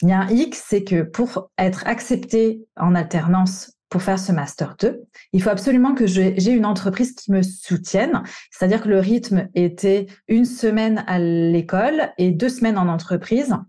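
Her voice medium-pitched and mellow, moving at a normal speed, a coach and podcast host from the Paris area of France, in her thirties, relates her professional journey. It's a candid personal monologue, casual and laced with some slang.

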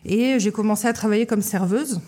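A woman's voice: medium pitch, a little fast, dark tone. Hesitant Parisian woman guest. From Paris, France. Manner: hesitant, many fillers and restarts. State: a little tired. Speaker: guest, love-shop co-owner. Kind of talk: casual interview conversation. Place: small shop.

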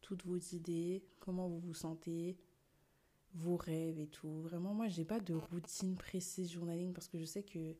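Chatty young woman, mellow voice. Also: fairly low pitch, unhurried. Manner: chatty, expressive, drops in English words. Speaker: podcast host. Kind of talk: casual chat to listeners. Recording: poor sound quality.

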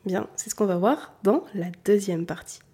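A woman's voice: medium pitch, normal speed, mellow, slight background noise. A woman from southern France with a faint southern French accent, patiently explaining a lesson directly to the listener and repeating her key points. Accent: southern French, mostly hidden. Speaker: colour analysis consultant. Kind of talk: explanatory talk to the viewer.

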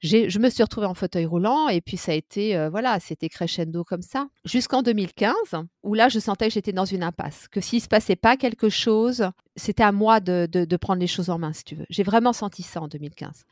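A woman's voice: medium pitch, a little fast, few pauses, a little mellow, no room sound, studio quality. A middle-aged woman telling her life story in an informal conversation, hesitant and full of fillers and tag questions. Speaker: interview guest.

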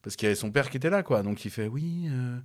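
Young guy telling a wild story to a friend, slangy and animated, laughs a lot, medium voice. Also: mid-range voice, fast. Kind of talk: casual chat.

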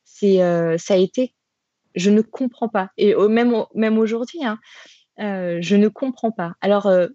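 A woman guest tells her running story in a loose, animated way, stumbling through fillers and restarts. Her voice is husky and slightly breathy. The recording is dry and a little dull, with no room sound. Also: medium pitch, measured pace, dry recording. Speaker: podcast guest, trail runner. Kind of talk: casual storytelling in an interview.

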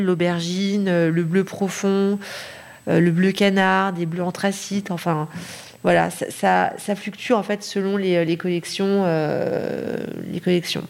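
Speaking as a guest on a podcast, this middle-aged Parisian woman works as a lighting designer and answers questions with frequent fillers and restarts. She has a medium-pitched, darkish-toned voice.

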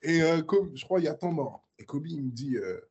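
A young man in his twenties, a guest in a casual interview, telling a story in a lively way with sound effects and many fillers. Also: fairly high pitch, fairly quick, husky, highs cut off. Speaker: guest basketball player.

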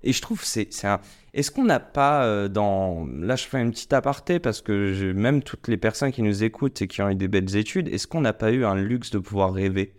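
A man's voice: lowish voice, normal speed, few pauses. A young man hosting an interview podcast, asking chatty, probing questions. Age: young adult. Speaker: podcast host.

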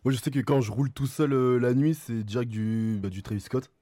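A man's voice: medium pitch, brisk, mellow, no echo, clean studio sound. A young man from France, chatting casually as an interview guest in slangy, hesitant phrases. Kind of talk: casual chat.

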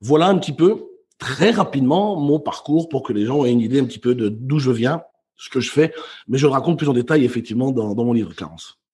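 Over a remote call from his home, a middle-aged Belgian man who speaks professionally looks back on his career in a podcast interview. His husky, mid-range voice runs a little fast, and his lively storytelling is full of hesitations.

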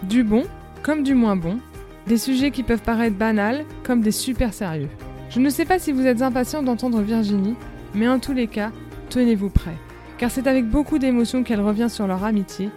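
A woman's voice: on the high side, normal speed, mellow, faint music behind. A woman hosting a podcast, narrating and interviewing with effusive enthusiasm. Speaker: podcast host.

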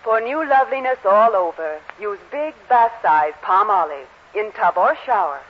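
A man's voice: high-pitched, animated, moderate pace. A man with an American accent reading a scripted commercial in 1940s radio style. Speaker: commercial announcer. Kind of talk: 1940s radio advertising read. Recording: muffled, hissy 1940s radio recording.

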